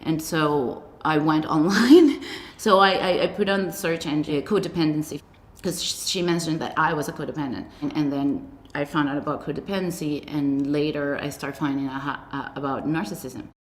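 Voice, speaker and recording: A woman's voice: deep voice, moderate pace. A woman telling her personal story in a hesitant, searching way with many restarts. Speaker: interviewee. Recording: roomy echo, faint noise.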